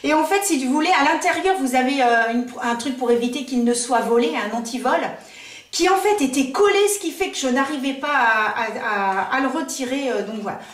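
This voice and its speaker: A woman's voice: sits high, lively intonation, fairly quick, recorded from a distance. A woman doing a casual makeup review from her home in the countryside, chatty, with lots of fillers and self-mocking asides. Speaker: beauty vlogger. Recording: roomy echo, voice a bit off-mic.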